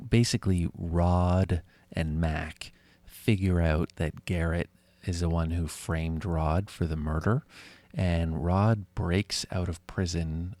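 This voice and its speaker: A man hosting a podcast, talking casually about films in a relaxed way with many fillers. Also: low-pitched, no room sound. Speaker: podcast host. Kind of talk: casual film discussion.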